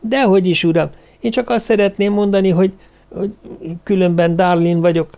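A man's voice: high voice, steady tone, warm tone, pitched above the performer's own voice. A man reading an audiobook, voicing a small, polite woman circus performer who answers questions earnestly and deferentially. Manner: earnest and deferential, says "uram" often.

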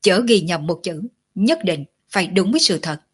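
Imposing commander interrogating his troops, read by a woman, low and husky. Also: lively intonation. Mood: stern. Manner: commanding, measured questioning. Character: stern male commander, imposing and solemn.

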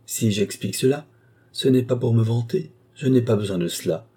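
A man with a medium-pitched, warm, natural voice and a breathy edge reads an audiobook at a moderate pace. He plays an adult male valet who is sly, wordy and deferential, speaking in a long-winded, ceremonious way.

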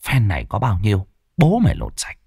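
A man's voice: lowish voice, huge pitch swings, fairly quick, mellow, no echo, studio quality, heavily acted. A man voicing a bitter, foul-mouthed old gambler who grumbles and curses. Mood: grumbling angry. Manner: gruff cursing grumble.

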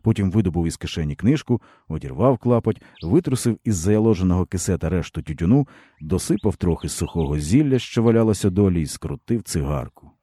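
Deep husky male audiobook narrator. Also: no echo, studio quality. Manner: steady, measured literary reading. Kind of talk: audiobook narration of a literary story.

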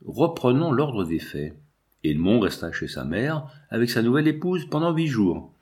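A man narrating a classic novel as an audiobook, in measured, unhurried scripted narration. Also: medium pitch, big pitch swings, darkish tone.

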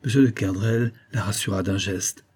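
A man reading a nineteenth-century novel aloud in measured scripted narration. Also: on the low side, fairly even intonation, a little mellow, husky. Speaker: audiobook reader.

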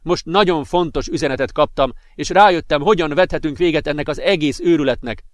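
A man's voice: fairly high pitch, no echo, clean studio sound, close to an everyday voice. A man voicing an agitated, volatile young man who talks insistently and flares into fury. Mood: urgent, insistent. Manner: excited, insistent, increasingly furious.

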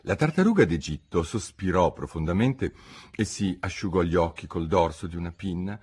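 A man reading a storybook aloud in an expressive, theatrical, unhurried way. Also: deep voice, breathy edge. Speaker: narrator, translator reading his own translation. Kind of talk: audiobook reading.

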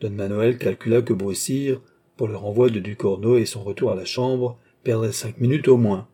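A man narrating an audiobook in a measured, even storytelling manner. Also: lowish voice, husky.

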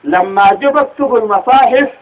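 Husky high-voiced Sudanese man lecturing. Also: fast talker. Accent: Sudanese Arabic. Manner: explanatory, asks rhetorical questions to the class. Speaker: teacher of Quranic studies. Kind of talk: religious lecture. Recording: tinny phone-like recording.

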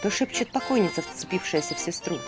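A woman narrating a dark folk tale in an expressive storytelling voice. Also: lowish voice, fast, music in the background. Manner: expressive, hushed then rising.

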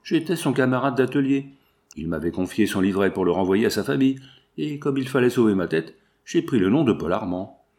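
A man's voice: mid-range voice, expressive, normal speed, darkish tone, natural voice. A man voicing a drugged, crazed male murderer who boasts feverishly of his crimes. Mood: wild boast. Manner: feverish, boastful, laughing strangely.

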